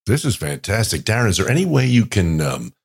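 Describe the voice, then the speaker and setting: A man's voice: lowish voice, sing-song, a little fast. A man co-hosting a podcast, answering in short, dry remarks during casual chat. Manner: short dry responses, gravelly laugh. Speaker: podcast co-host.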